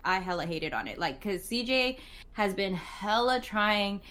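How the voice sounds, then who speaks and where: A woman co-hosting a live-streamed chat show. Her voice sits at an average pitch, and she teases her co-host and laughs easily. She reads viewer comments aloud between topics. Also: big pitch swings, measured pace, a bit bright. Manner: teasing, laughing often.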